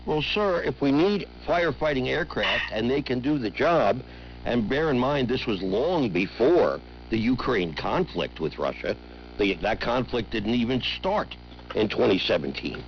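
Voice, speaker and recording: A man hosting a live call-in talk radio show in a smooth radio host manner, assertive and quick to argue back at callers. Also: medium pitch, lively intonation, a little hiss or hum. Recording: dull lo-fi radio broadcast.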